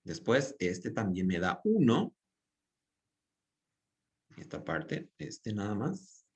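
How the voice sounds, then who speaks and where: A man's voice: lowish voice, big pitch swings, slow. A male math teacher giving a recorded class, explaining each step as he writes it out and asking himself questions before he answers them. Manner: explains step by step while writing, asks and answers his own questions.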